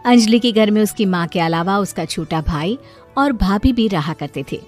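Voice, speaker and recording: A woman's voice: medium pitch, normal speed, soft background music. Woman narrating a cartoon story. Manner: plain storytelling, lively character lines.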